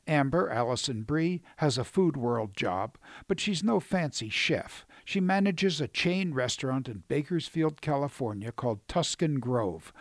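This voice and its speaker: A man's voice: medium pitch, no echo. A man delivering a scripted radio film review in a dry, wry, critical manner.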